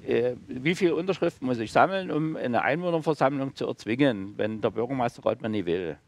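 A man's voice: medium pitch, a little fast. A man who sits on a local council, talking as a guest on a talk show in a hesitant, explanatory way with many fillers. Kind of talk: casual talk-show conversation.

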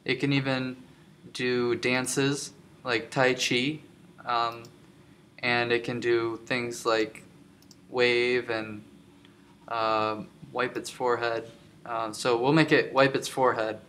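A man giving a screen-recorded software tutorial, explaining step by step with many filler ums. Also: medium pitch, little pitch movement, slow pace, a little hiss or hum. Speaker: tutorial instructor.

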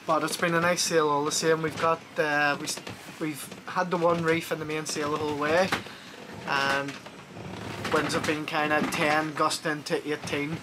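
Sailing a small boat, this man from Northern Ireland talks at a normal pace in a fairly high voice, narrating casually to an action camera he holds close. He's a relaxed, informal vlogger who chats easily with plenty of fillers, moving between the open deck and the cabin. The camera audio is windy, with wind and water sounds behind him.

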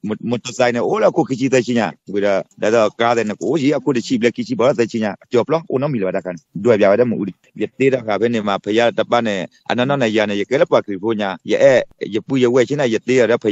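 A man with a fairly low voice rattles through a relaxed chat at a brisk clip. His sentences run on with hardly a pause. The sound is dry and a bit dull, like a lo-fi recording. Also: no echo. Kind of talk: casual chat.

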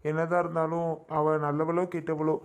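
A man's voice: fairly high pitch, monotone, normal speed, lightly acted. A man playing a young husband who firmly stands up for his pregnant wife against her mother in a drama skit. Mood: reproachful. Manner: firm, reproachful.

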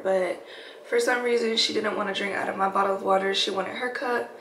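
A woman's voice: medium pitch, vocal fry, a bit bright. A woman vlogging casually to her viewers, a working mom who has just woken up and sounds sleepy, repeating phrases for emphasis. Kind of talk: casual chatty vlog. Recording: echoey room with faint noise.

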